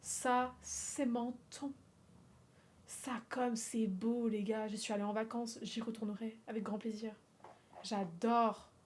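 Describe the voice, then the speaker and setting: A woman from France chatting on a livestream, animated and swearing freely, laughing often and slipping in English phrases. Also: a little high, slow, slight background noise. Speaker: streamer. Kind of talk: casual livestream chat.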